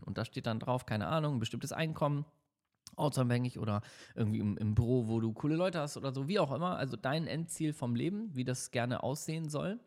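A man's voice: mid-range voice, darkish tone. Chatty German-speaking male coach, filler-heavy. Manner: addresses listener directly, frequent fillers and tag questions. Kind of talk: motivational advice podcast. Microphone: studio microphone.

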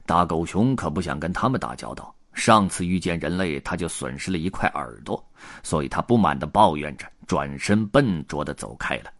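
A man reading a children's story aloud, expressive and voicing the characters. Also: low-pitched, moderate pace, dry recording, studio quality.

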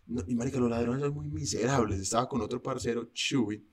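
A man's voice: mid-range voice, brisk, slightly rough. A young man, co-hosting a casual chat and telling a rambling, joking anecdote full of slang.

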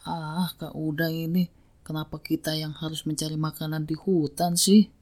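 A spoiled young boy horse from a children's story, played by a man. The voice is pushed up high. It whines and complains like a pampered youngest child. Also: level tone, moderate pace, darkish tone, natural voice. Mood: whining. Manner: whining, complaining.

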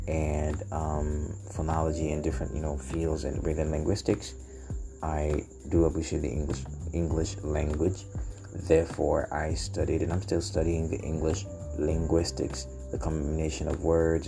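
A Haitian man whose first language is Haitian Creole hosts an unscripted solo podcast as a language learner, speaking in a very deep, gravelly voice. His talk is halting as he searches for words and repeats phrases.

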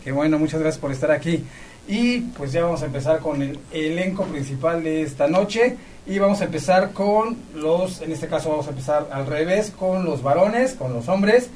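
A man's voice: fairly high pitch, moderate pace, a little mellow. A man presenting a live event as host in an effusive, courteous manner. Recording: distant mic, noisy room ambience.

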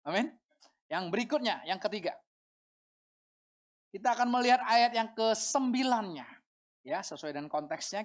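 A woman pastor preaching a sermon, animated and rising to shouts for emphasis. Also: on the low side.

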